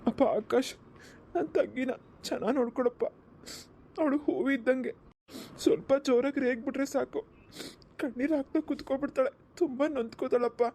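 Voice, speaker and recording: A woman's voice: sits high, a little fast, dark tone, slight background noise. A woman voicing a tearful, loving elder brother blessing his sister at her wedding in a cartoon. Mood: soothing. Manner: emotional, tender, blessing. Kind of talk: cartoon voice acting.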